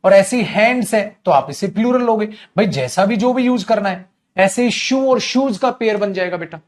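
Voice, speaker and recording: A man's voice: high voice, lively intonation, normal speed. A man teaching English grammar in an online class, calling students "beta" and repeating key terms, acting out little scenes with students and their mothers. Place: streaming class, checking live comments.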